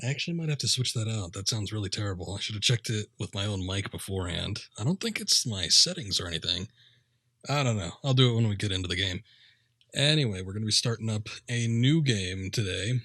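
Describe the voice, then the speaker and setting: Casting: male game streamer, lowish voice, offhand and rambling, recorded close and dry. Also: lively intonation, fast talker, fairly bright tone, no room sound. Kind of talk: casual, rambling livestream chat.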